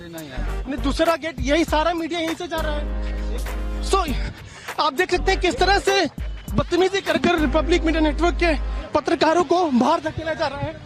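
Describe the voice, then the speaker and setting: A man's voice: extremely high pitch, normal speed, music in the background. A man reporting from the field, arguing with officials about being stopped from entering. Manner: arguing, protesting. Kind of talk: on-the-spot news reporting.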